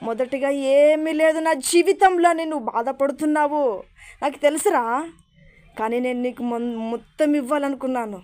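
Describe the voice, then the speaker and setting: Woman speaking as God, a consoling father figure, high soft voice, gentle pleading questions. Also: brisk, natural voice. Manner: soothing, pleading questions, calls listener "little darling". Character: God as a tender, comforting divine father.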